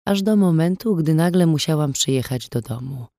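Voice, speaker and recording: A woman reading a first-person audiobook in a calm, even storytelling voice, quieter in grim passages. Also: low-pitched, moderate pace, vocal fry, no echo, clean studio sound. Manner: calm, even storytelling, hushed on dark moments. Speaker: audiobook narrator.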